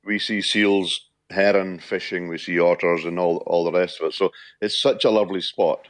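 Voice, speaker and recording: A man in his fifties from Shetland with a Shetland Scottish accent, chatting as a radio interview guest in a halting way, often repeating words. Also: deep voice, fairly even intonation, no echo. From Shetland, Scotland. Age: 50s.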